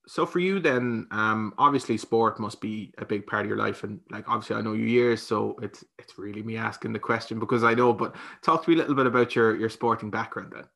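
An Irish man hosts a casual podcast interview. His voice is on the low side, with a forceful, bright tone and plenty of creak. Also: brisk, hardly any pauses.

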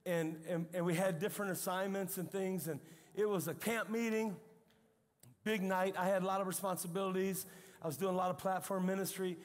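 An older man preaching a sermon as pastor, telling stories in an animated way with emphatic outbursts. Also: high-pitched, a little fast. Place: church sanctuary. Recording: long reverb of a large hall.

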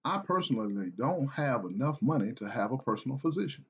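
Man, earnest personal storytelling, halting with restarts, mid pitch, slightly dull lo-fi audio. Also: expressive, husky. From South Carolina, United States.

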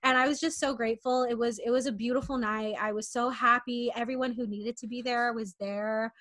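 A woman's voice: fairly high pitch, steady tone, brisk, fairly bright tone. Chatty woman in her twenties, rambling. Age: 20s. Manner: candid, rambling, lots of fillers and restarts. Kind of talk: casual chat.

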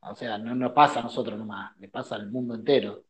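A man's voice: medium pitch, steady tone, quick pace, a crowd in the background. A man with an Argentine Spanish accent, bantering and joking in a casual chat. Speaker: podcast co-host. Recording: dull lo-fi audio.

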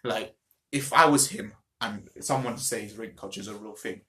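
A man's voice: on the low side, normal speed, pushed and bright. A man hosting a casual podcast chat, rambling with many restarts and blunt, sweary remarks. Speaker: podcast host.

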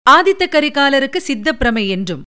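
A woman narrating a historical novel in steady, even storytelling. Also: high voice, moderate pace.

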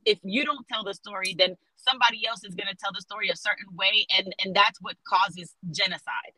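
A woman's voice: mid-range voice, a little fast, crowd noise, poor audio. A young woman from South Florida, a muralist guest talking animatedly with lots of fillers and restarts. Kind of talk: casual interview conversation.

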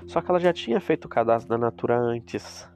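A man with a Brazilian Portuguese accent talks fast and animatedly to his viewers about reselling cosmetics, his mid-range voice a little dark in tone and stuffy from a cold. He rambles chattily, makes asides to the audience, and music plays in the background.

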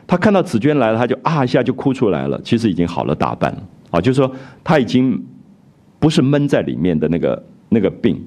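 A man's voice: on the low side, darkish tone. A man giving a storytelling lecture on a classic novel, retelling its scenes and musing aloud about them.

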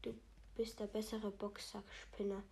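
A woman's voice: mid-range voice, level tone, unhurried, a little mellow, natural voice. A woman voicing a mocking teenage boy bully who taunts in a sneering way. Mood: taunting.

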